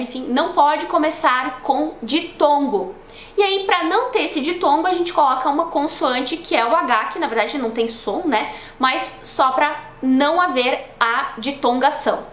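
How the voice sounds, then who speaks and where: A young woman with a Brazilian Portuguese accent, teaching a casual online language lesson in a chatty, explanatory way that slows down to model words for practice. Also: fairly high pitch, a bit bright. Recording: roomy echo, faint background noise.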